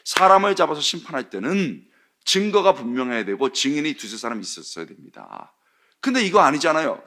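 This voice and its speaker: A man's voice: on the high side, fairly bright tone. A male pastor and preaching professor giving a sermon, telling the story with animation and acting out the characters.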